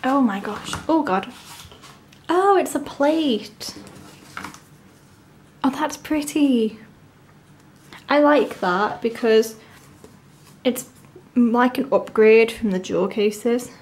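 A woman with a sore, swollen-tonsil voice from tonsillitis, chatting casually and gushing excitedly as she hosts an unboxing. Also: fairly high pitch, slow pace, pauses often. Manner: gushing, enthusiastic. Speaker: unboxing video host.

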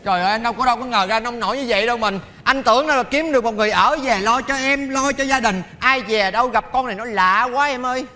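A man's voice: very high-pitched, fast, few pauses, bright, forceful tone. A man playing a flustered husband and father in a stage comedy sketch, with startled exclamations and meek replies. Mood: dismayed. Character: flustered, easily alarmed husband. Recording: live stage audio with audience.

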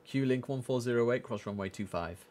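A young man with a mid-range voice speaks briskly, muttering casual gaming commentary to himself and dropping into clipped air traffic controller phrases. Crowd noise is audible, and he's at an indoor home streaming setup in a noisy room with keyboard clicks.

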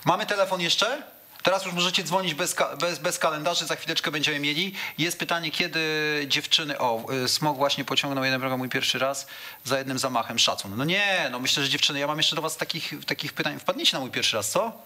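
A man's voice: fairly high pitch, fast talker, bright, forceful tone. A man hosting a casual studio talk show, joking with guests and taking phone calls. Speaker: host.

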